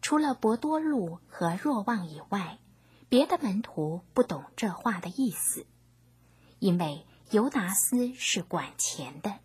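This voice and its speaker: Woman narrator, gentle half-whispered scripted reading, breathy, lively pitch. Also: a little slow.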